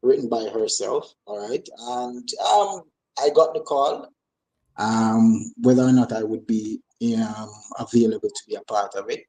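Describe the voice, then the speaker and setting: A Jamaican actor and comedian chats casually as an interview guest, repeating phrases for emphasis in his Jamaican accent. His voice is lowish, unhurried and dark-toned, and the recording is rough.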